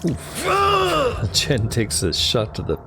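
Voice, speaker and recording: A man's voice: sits low, expressive, a little slow, background noise. A man giving casual gameplay commentary, thinking aloud tentatively as he plays. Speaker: gamer narrating own play.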